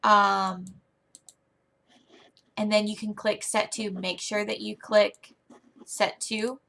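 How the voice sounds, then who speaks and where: A young woman explaining online English teaching in a chatty tutorial, often using a high, playful teacher voice. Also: vocal fry, pushed and bright. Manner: chatty, demonstrates teacher lines in a high, exaggerated sing-song. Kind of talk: casual screen-recorded tutorial.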